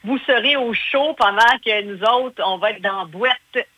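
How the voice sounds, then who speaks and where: A chatty woman with a Québécois French accent, her voice bright and forward, pausing often on fillers. The sound is dry and close, with no room around it. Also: fairly high pitch, no echo, low-quality recording. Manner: chatty, hesitant with many fillers. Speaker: guest. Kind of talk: casual interview.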